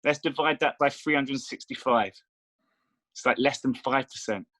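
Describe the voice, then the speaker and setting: A man's voice: medium pitch, normal speed, fairly bright tone, no room sound, poor audio. Man explaining, dry close sound. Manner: explanatory, persuasive. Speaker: meditation coach. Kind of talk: casual chat.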